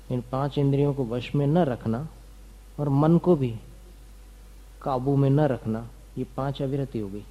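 This religious teacher has a mid-range, dark-toned voice captured on dull audio. He lectures students on doctrine, posing questions and answering them himself while listing terms one at a time.

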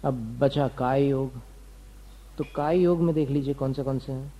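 Mellow-voiced man teaching religious doctrine. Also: mid-range voice, fairly even intonation, moderate pace, poor audio. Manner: asks and answers his own questions, lists terms methodically. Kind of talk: doctrinal lecture to students.

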